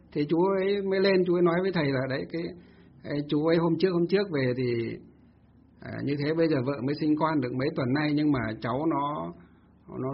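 A man's voice: on the high side, slightly rough, dull audio. A Buddhist monk telling a story in a Dharma talk, asking himself rhetorical questions as he goes.

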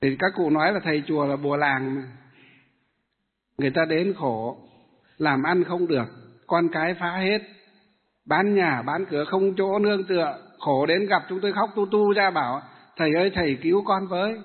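A Buddhist monk giving a dharma talk to lay followers, asking the audience questions and then answering them himself. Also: male voice, on the high side, moderate pace, breathy edge. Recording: tinny phone-like sound in a hall with long reverb.

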